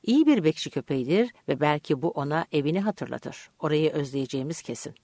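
A man's voice: fairly high pitch, expressive, fast talker, darkish tone, no echo, clean studio sound. A woman reading the part of a kindly, good-humoured middle-aged uncle in an audiobook. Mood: friendly.

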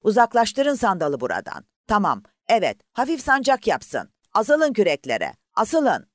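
A man's voice: sits high, huge pitch swings, measured pace, no echo, clean studio sound, voice pushed up, full character voice. A man voicing a commanding male ship's officer who barks urgent orders in a lifeboat, read as a character in an audiobook.

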